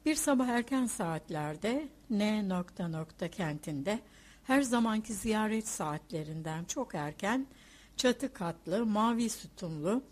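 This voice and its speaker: Female audiobook narrator for literary fiction, steady and expressive. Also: mid-range voice. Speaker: audiobook reader.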